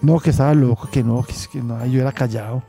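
A Colombian man telling his own story in a halting way, often restarting his sentences and acting out what people said. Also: mid-range voice, fairly even intonation, creaky, warm tone, faint music behind. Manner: halting, with restarts and acted quotes. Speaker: interviewee. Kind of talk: personal storytelling.

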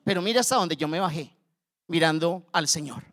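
A man with a Colombian accent telling a personal story from his days selling cars, in an animated way. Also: on the high side, fairly quick. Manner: lively, animated retelling, acts out the scene. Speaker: former car salesman telling his story.

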